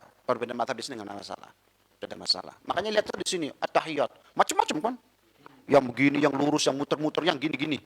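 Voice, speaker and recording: Lively imam, high bright voice, storytelling religious lesson. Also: male voice, low-quality recording. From Indonesia. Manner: lively storytelling, drops into other people's voices. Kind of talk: religious study talk.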